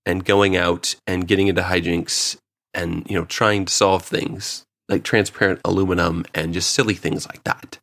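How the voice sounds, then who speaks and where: A podcast co-host with a deep, slightly bright voice talks at a moderate pace in a level tone, casually joking and giving his opinions in a review chat full of anecdotes. The sound is clean studio audio with no room sound.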